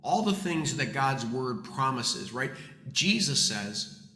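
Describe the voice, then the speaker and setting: A man's voice: medium pitch, pushed and bright. A man giving a live morning devotional as pastor, earnest and encouraging, his voice carrying a heavy hall-like echo from his office. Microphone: desk microphone streamed online. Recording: echoey reverberant room.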